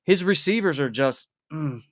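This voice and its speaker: Brief: young male podcast host, relaxed and slangy, dry close sound. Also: a little high, moderate pace, dry recording. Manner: laid-back, slangy, storytelling with asides. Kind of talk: casual livestream chat.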